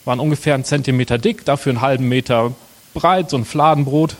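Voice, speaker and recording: A young adult man preaching a sermon, with dramatic pauses and slow, emphatic phrasing. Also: mid-range voice. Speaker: pastor.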